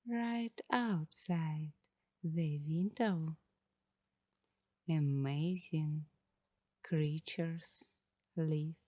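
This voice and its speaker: This ASMR narration comes from a woman whose soft, partly whispered voice sits low. She gives meditative guidance in short phrases with long gaps, recorded dry.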